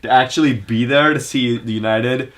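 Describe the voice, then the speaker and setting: A man's voice: mid-range voice, steady tone, normal speed, a bit bright. A man co-hosting a podcast in casual chat, laid-back and jokey, swearing now and then. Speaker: podcast co-host.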